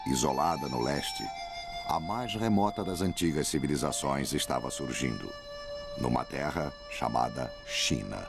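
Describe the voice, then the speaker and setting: A man's voice: rumbling low, creaky. A man with a Brazilian accent reads scripted documentary narration in a grave, dramatic, epic storytelling manner. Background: prominent music.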